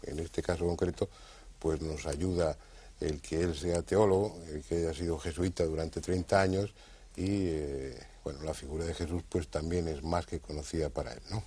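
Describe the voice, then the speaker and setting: Deep husky male talk show host. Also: steady tone, mellow. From Spain. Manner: measured, thoughtful, frequent hesitations. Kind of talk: moderating a studio discussion.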